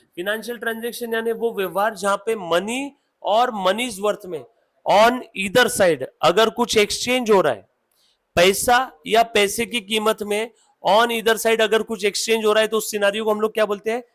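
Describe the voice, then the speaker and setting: This Indian accountancy teacher speaks in a high-pitched, slightly bright voice with fairly even intonation. During his classroom lecture he switches between Hindi and English, quizzes students often, and reads out notes slowly.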